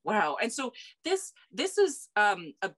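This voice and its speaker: Woman host, video call, bright tense voice, enthusiastic, lots of ums. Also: mid-range voice, sing-song, slow. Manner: enthusiastic, many fillers. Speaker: interviewer and host. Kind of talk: casual interview chat.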